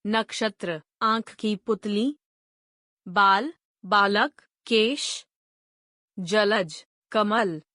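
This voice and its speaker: A woman teacher reads out a vocabulary list for a grammar lesson, one word at a time. She speaks at an extremely slow, measured pace, pausing after each word. Her mid-pitched voice sounds dry and close, with no room echo. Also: fairly bright tone. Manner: slow, deliberate, word-by-word listing.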